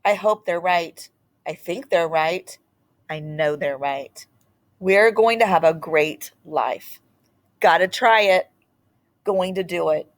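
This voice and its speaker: Delivered in short, deliberate bursts, the picture book reading comes from a woman whose voice is on the low side. She reads expressively, leaning on dramatic pauses and tossing in the odd aside.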